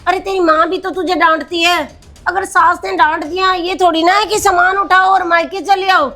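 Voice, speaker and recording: A woman's voice: extremely high pitch, fairly even intonation, moderate pace, sharp tone, soft background music. A woman playing a stern but caring middle-aged mother in a family drama skit, scolding and then firmly reassuring.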